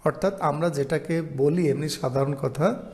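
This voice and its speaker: A man teaching an online lesson, explaining slowly and reading out example phrases. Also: a little high, darkish tone. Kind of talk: online lecture.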